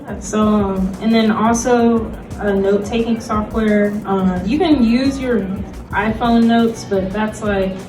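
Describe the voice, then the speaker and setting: A woman chats her way through a casual panel presentation, leaning on "like" as filler and laughing lightly. Her medium-pitched voice is steady and slow, with hardly any pauses. The mic is distant and roomy, and loud music plays behind her.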